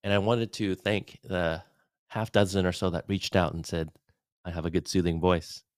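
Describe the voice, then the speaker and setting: A man records a casual, rambling, upbeat update for his own podcast, alone at his desk in a home office on a studio dynamic mic. His voice is low and flat at a moderate pace, with no room sound.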